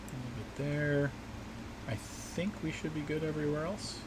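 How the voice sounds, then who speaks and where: Chatting loosely on a livestream as he makes maps at a small desk at home, this man has a slightly scratchy voice on the high side and speaks at normal speed. His relaxed, rambling talk is full of fillers and restarts over a constant air-conditioning hum.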